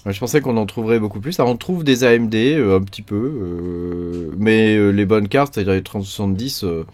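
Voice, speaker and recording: A man's voice: fairly low pitch, brisk, darkish tone. A man from France hosts a mining channel, explaining things in casual, rambling talk full of fillers. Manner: rambling, many fillers like euh, hein, quoi. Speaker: crypto mining channel host.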